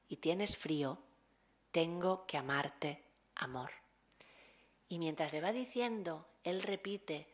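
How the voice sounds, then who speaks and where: A woman researcher giving a conference talk, retelling a short film vividly and acting out its dialogue. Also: on the low side.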